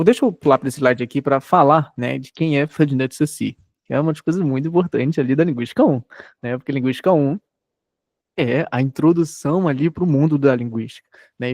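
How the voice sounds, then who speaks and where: A man's voice: mid-range voice, a little mellow, no echo, studio quality. A Brazilian man in his thirties giving a recorded university lecture, talking conversationally and often checking in with tag questions. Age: 30s. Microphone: desk microphone.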